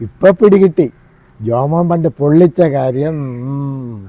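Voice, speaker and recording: A gossiping village elder, played by a man, who tells the news in a chatty, storytelling way. His voice sits a little high. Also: lively intonation, unhurried, background noise.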